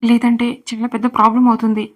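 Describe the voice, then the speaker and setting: Frightened young woman, storybook heroine, urgent, flat reading by a woman. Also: fairly high pitch, fast, lightly acted. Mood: anxious. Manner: urgent, pleading.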